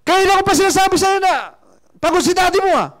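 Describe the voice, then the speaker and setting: A man's voice: a little high, animated, fairly quick, darkish tone, voice pushed down. A man voicing a tired, stressed father talking to his child, weary and short-tempered. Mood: shouting. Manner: weary, then snapping.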